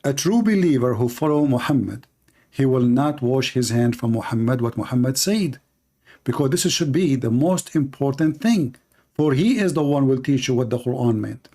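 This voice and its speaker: This man hosts a polemical religious debate show in English, his first language being Arabic. He has a warm, expressive mid-range voice at a moderate pace, and his phrasing is emphatic, repetitive and non-native.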